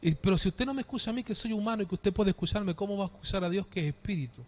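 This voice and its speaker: A man's voice: high voice, racing, a little mellow. A man preaching a sermon as pastor to his congregation, asking rhetorical questions and calling for amens. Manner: dynamic preaching, calls for amen, rhetorical questions. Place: church.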